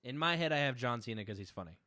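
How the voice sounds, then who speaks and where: Fast-talking man, teasing podcast banter. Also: medium pitch, expressive, sharp tone, no echo, studio quality. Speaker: podcast co-host. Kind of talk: casual podcast chat recapping an episode.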